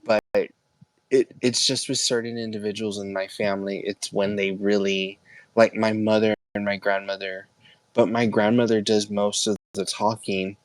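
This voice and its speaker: A man's voice: on the low side, little pitch movement, no room sound. A young man calling in, talking hesitantly with many fillers about his family and spirits. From Texas. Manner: hesitant, halting, with many likes and ums. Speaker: caller. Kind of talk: casual talk.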